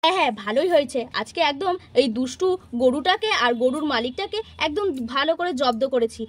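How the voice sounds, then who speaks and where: A woman's voice: high-pitched, expressive, fast talker. A woman voicing a stern village mother in a toy-house puppet play, scolding her neighbour insistently. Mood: satisfied. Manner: scolding, insistent, repeats words.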